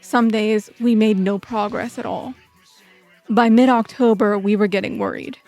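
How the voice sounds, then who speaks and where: A woman with a mid-range, slightly mellow voice tells a personal story as scripted video essay narration. She speaks at normal speed with fairly even intonation, over soft background music.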